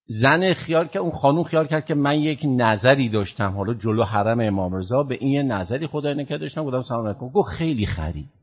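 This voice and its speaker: A man giving a sermon, telling a story in a lively way, rising loud and dropping low. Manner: animated, swings from loud to hushed. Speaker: preacher. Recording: dull lo-fi sound.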